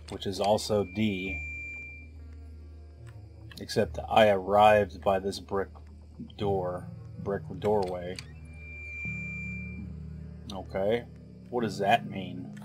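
A man's voice: lowish voice, steady tone, takes it slowly, long pauses, darkish tone. A man giving a let's play commentary, thinking aloud as he puzzles through a game and drops wry asides, with game music behind him. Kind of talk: gameplay commentary.

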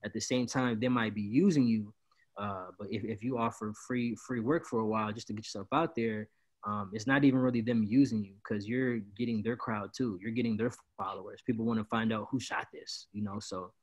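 Sitting indoors in a small room at home, a man in his twenties from Peoria, Illinois, who works as a party promoter, gives a relaxed interview over a video call. He rambles, drops "bro" often, and speaks fairly quickly in a fairly low voice with fairly even intonation.

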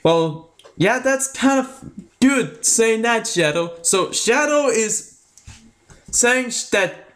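High, slow-talking male reviewer; casual, halting, self-correcting delivery with a half-American, half-British sound. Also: expressive, fairly bright tone. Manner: halting, restarts sentences often. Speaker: video reviewer. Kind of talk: casual spoken video review.

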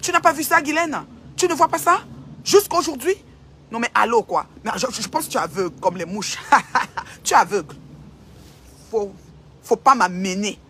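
A woman's voice: a little high, expressive, normal speed, long pauses, bright, forceful tone, slight background noise. A woman, ranting in a confrontational livestream and repeating phrases for emphasis. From Cameroon. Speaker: online commentator. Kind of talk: livestream rant.

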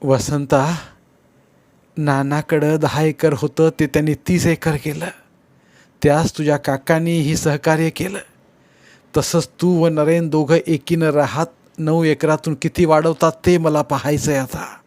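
A man's voice: fairly high pitch, level tone, a little slow, darkish tone, no echo, pitched above the performer's own voice, natural voice. A man voicing a firm, tearful older woman, the family matriarch, in an audiobook.

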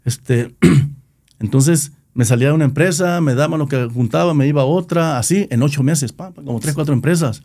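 A middle-aged man with a Nayarit Mexican Spanish accent recalls how he founded his band, talking in a loose, slangy way. He repeats and restarts words as he goes. His voice is mellow and warm, and the recording is dry and close. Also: on the high side, brisk, no room sound. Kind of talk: casual storytelling interview.

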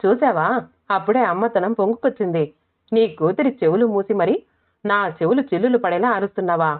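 A woman's voice: mid-range voice, fairly quick, natural voice. A woman narrator voicing a headstrong young woman who has just become a mother, pert and insistent. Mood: teasing. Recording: tinny phone-like audio.

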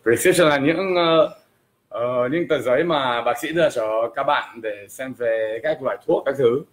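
A man teaching English on a livestream, slowly drawing out words so viewers can repeat the pronunciation. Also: medium pitch. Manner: slow, drawn-out words for drilling pronunciation. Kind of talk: livestream language lesson. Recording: echoey room.

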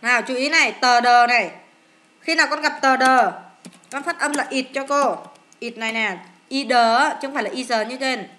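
A Vietnamese-accented woman teaches in a high, bright voice, firing questions at her students and answering them herself. Her coaxing classroom manner stays lively throughout. Faint noise sits behind her. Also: brisk. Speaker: English teacher. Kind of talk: classroom-style lesson explaining an exam.

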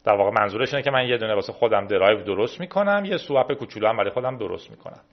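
A man's voice: lowish voice, animated, dull audio. A man hosting a casual screen-recorded tech tutorial, chatting through each step as he clicks through menus. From Iran. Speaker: tech video host.

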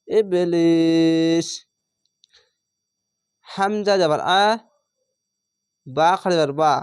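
Slow, high-voiced man teaching recitation. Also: a little mellow, no echo, studio quality. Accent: Bangladeshi Bengali. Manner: slow, syllable-by-syllable spelling with drawn-out chanted recitation. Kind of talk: spelling-out recitation lesson.

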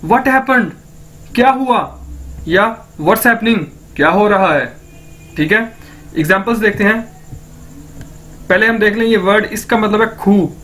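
A man's voice: high voice, slow, pauses often, a bit bright. A man tutoring Mandarin phrases, explaining each with repeated examples and often saying okay and friends to the viewer. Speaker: language tutor. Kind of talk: language lesson.

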